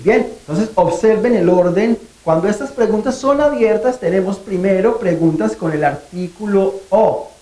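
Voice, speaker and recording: A woman teaching a language lesson, speaking clearly and deliberately and drawing out phrases to show question intonation. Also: mid-range voice, warm tone, reverberant, low-quality recording.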